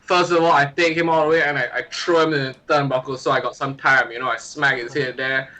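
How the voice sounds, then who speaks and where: Guy playing a wrestler in a tabletop game, kinda bright voice, eager and goofy. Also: medium pitch, steady tone, quick pace, low-quality recording. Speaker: player. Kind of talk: describing moves in a tabletop game.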